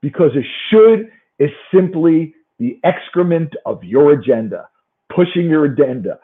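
Through a thin, phone-like line comes a fairly high-voiced man with a New York accent. He speaks as a motivational sales coach, driving points home with emphasis and checking in with his listeners. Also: animated, normal speed. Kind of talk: motivational business talk. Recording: thin, narrow-band phone-like sound.

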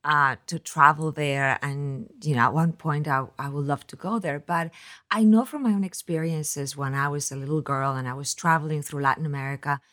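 A woman's voice: low-pitched, fairly even intonation, moderate pace, a bit bright. A woman from Spain hosting a podcast interview, talking at length and rambling with restarts. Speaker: podcast host.

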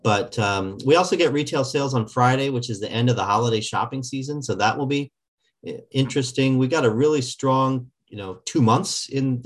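A man giving conversational analyst commentary in a measured, hesitant, hedging manner. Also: mid-range voice. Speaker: market analyst, podcast regular.

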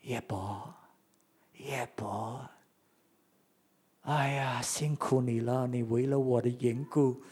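A preacher acting out an imagined gentle God, speaking softly and tenderly to a suffering man. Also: steady tone, slow, pauses often, slightly rough. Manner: soft, low, tender.

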